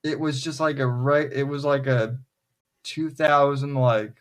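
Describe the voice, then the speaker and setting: A man co-hosting a casual podcast chat, halting and repeating words as he gets his sentences started. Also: medium pitch, fairly even intonation.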